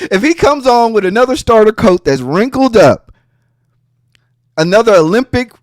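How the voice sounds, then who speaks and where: A man's voice: high voice, lively intonation, measured pace, dry recording, clean studio sound. A man hosting a podcast, giving heated casual commentary in a profane, mocking way. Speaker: podcast host.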